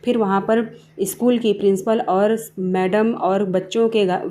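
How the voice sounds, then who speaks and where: A woman's voice: mid-range voice, dark tone, slight background noise. A woman narrating a family moral story in a plain, simple storytelling way.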